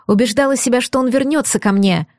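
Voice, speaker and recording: Give me a woman with a slightly high voice narrating an audiobook, measured and emotive, recorded dry and close. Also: darkish tone, dry recording. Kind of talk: scripted first-person narration.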